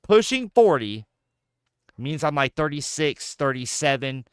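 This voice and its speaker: With a slightly high, clear and resonant voice delivered a little slowly, a thirtysomething gaming streamer jokes around, swears and keeps up animated, playful banter while chatting casually. The audio is studio quality with no echo.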